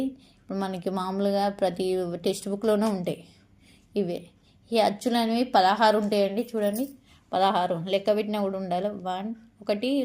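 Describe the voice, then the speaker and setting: A woman teaching a lesson for exam preparation, slowly repeating and drawing out each letter of the alphabet. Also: mid-range voice, a little mellow.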